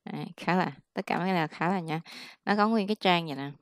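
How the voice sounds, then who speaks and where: A woman, tutoring English casually, explaining slowly and repeating words for practice. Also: on the low side, no room sound. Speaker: English teacher.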